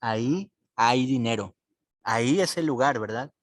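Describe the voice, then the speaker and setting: A man teaches an online class at a deliberately slow pace, repeating key words for his students. His voice sits in an ordinary middle pitch. The recording is dry and close, with no room sound. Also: dry recording.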